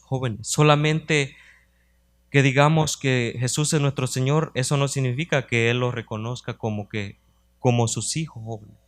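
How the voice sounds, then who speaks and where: A man as a youth minister, preaching a sermon to young people and reading scripture aloud with rising emphasis. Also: mid-range voice. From United States. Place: church youth sanctuary.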